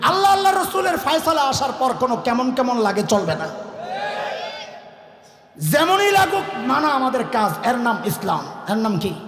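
A male preacher with a very high, piercing voice drives a fiery sermon, flinging questions at the crowd and waiting for the answer. His voice booms through a PA system into long, ringing reverb. A big crowd murmurs faintly behind him. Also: big pitch swings. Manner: call-and-response, shouting questions to the crowd; storytelling with quick voiced asides. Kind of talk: fiery sermon at a large religious gathering. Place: large open-air religious gathering. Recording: echoey PA sound at a crowded outdoor event. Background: crowd of listeners.

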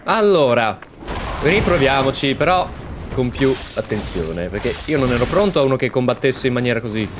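A man hosting a let's-play, excitedly commenting on his game and chatting to viewers. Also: mid-range voice, moderate pace, noisy background. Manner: excitable, exclaims often, talks to viewers. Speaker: gaming channel host.

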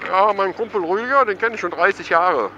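A middle-aged man giving casual, excited running commentary while riding a motorcycle through town. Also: high voice, brisk, dull audio, slight background noise. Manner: chatty and excited, thinking aloud. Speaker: motovlogger. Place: outdoors on a motorcycle in town traffic.

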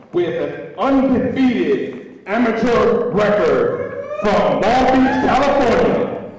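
A man working as a ring announcer at a live boxing event, stretching his words in a showman style and switching between English and Spanish. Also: high-pitched. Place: indoor boxing arena. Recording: echoey arena from far off. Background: crowd noise.

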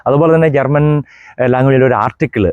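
A middle-aged priest from Kerala giving a German pronunciation lesson, spelling out contrasting sounds and repeating examples slowly. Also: male voice, mid-range voice, fairly even intonation, a little mellow, no echo, highs cut off. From Kerala, India. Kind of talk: explanatory language lesson.

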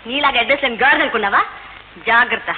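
A proud young woman, played by a woman, speaks high and fast with a sharp, scolding edge. The tinny old film soundtrack carries music under her. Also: long reverb tail, slight background noise, natural voice. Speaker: actress in a film.

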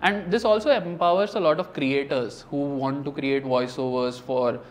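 A man's voice: fairly high pitch, normal speed, slight background noise. A man, a startup founder, giving earnest explanatory interview answers with some fillers.

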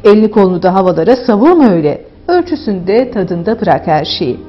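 A woman reading diction exercises aloud in a clear, measured way. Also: medium pitch, big pitch swings. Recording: dull lo-fi with faint music.

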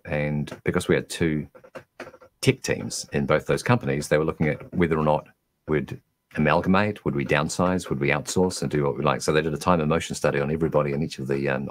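A man, a guest on a video call, telling a reflective story in a measured way with frequent restarts. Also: extremely low pitch, steady tone. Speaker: guest, virtual MC.

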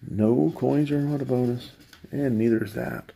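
A man's voice: medium pitch, normal speed, vocal fry, mellow. A man hosting his own lottery video, talking to himself in a wry, sarcastic running commentary as he scratches tickets. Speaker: channel host.

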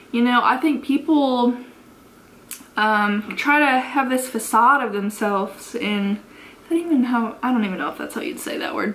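A woman's voice: on the high side, fairly bright tone, low-quality recording. An American woman in her twenties chatting casually through a makeup tutorial, giggly drunk, rambling and swearing freely. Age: 20s. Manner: sweary, unfiltered. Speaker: beauty vlogger. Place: carpeted bedroom, indoors.

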